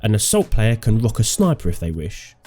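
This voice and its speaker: Over soft background music, a gaming host with a cold delivers a scripted review in a lowish, darkish, somewhat nasal voice. He talks a little fast and very animatedly, sounding sardonic and opinionated.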